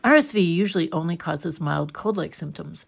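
American female science news host; deep register, strong gravelly fry, scripted read. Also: animated, moderate pace. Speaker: science show host and volunteer reporter.

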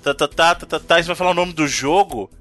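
A man's voice: on the high side, fast, bright, forceful tone, soft background music. A Brazilian man co-hosting a casual gaming podcast, arguing his point emphatically and repeating himself for emphasis. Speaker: podcast co-host. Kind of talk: casual chat about video games.

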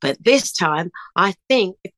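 A middle-aged singer and DJ, appearing as a guest, chats through a casual interview in a chirpy, upbeat manner, telling stories with plenty of energy. Her voice is fairly low, animated, a little slow, and fairly bright, on a low-quality recording with no echo.

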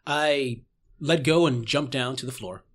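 Guy at a tabletop game describing what his character does, normal pitch, laid out casually. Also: unhurried.

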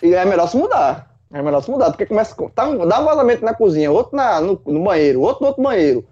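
A man, a football pundit in casual chat, animated, swearing and full of folksy analogies. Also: high-pitched, fast, highs cut off. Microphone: remote call.

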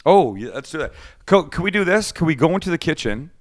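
A man's voice: on the high side, sing-song, fast. A middle-aged man hosting a podcast, chatting casually in a rambling, joking, teasing way. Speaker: podcast host. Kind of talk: casual chat.

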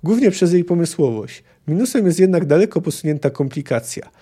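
A man reading as a calm, learned alchemist. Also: a little high, brisk, breathy edge, voice pushed up. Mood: calm, lecturing. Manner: calm, precise, refined wording. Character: urbane learned male alchemist.

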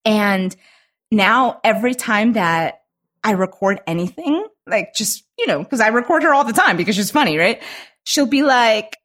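A young adult woman co-hosting a podcast in casual chat, animated and quick to laugh, swearing casually. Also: a little high. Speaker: podcast co-host.

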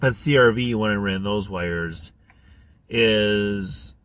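A man's voice: fairly low pitch, slow pace, a bit bright, no echo. A man hosting his own podcast, chatting casually and thinking aloud with lots of fillers while driving his car. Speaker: podcast host. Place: inside a car.

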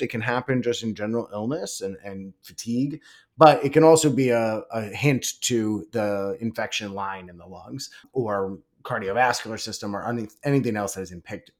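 Lower-voiced man reasoning through a case. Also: moderate pace, darkish tone. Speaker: clinician in case discussion. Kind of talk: medical case discussion.

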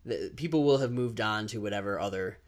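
Wry young man in deadpan banter. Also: on the low side, a little fast. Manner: wry, deadpan jokes, stammers restarts. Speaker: podcast co-host. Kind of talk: casual chat.

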